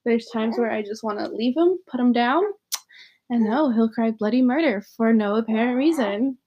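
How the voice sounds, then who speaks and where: A woman's voice: a little high, moderate pace, lo-fi sound. A young woman hosting a podcast, chatting candidly and joking, laughing often. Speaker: podcast host. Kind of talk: casual chat.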